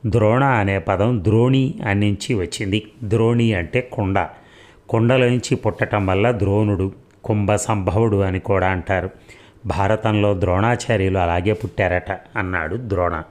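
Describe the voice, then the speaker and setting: A man narrating an audiobook story in a measured, reflective way. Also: on the low side, fairly even intonation.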